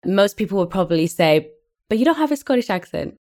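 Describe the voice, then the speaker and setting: A woman's voice: medium pitch, big pitch swings, a little fast, a little mellow. A woman with a southern English accent, an English teacher and podcast cohost, chatting cheerfully in an interview and laughing easily. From England. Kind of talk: casual interview chat.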